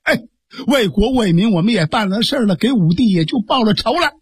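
A high, husky voice of a fervent younger brother-in-arms, as a male storyteller puts him on, pressing his case with rhetorical questions. He pleads and scolds in the same breath, in the dry close sound of a storytelling broadcast. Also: animated, a little fast, no echo, full character voice. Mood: impassioned. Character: earnest sworn brother urging a grieving official. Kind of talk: traditional storytelling dialogue.

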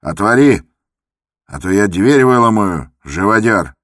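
A man voicing a frantic, furious male asylum patient who shouts hoarsely, in a radio drama. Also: low voice, sing-song, slow pace, dry recording, studio quality, exaggerated voice. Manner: shouting, raging.

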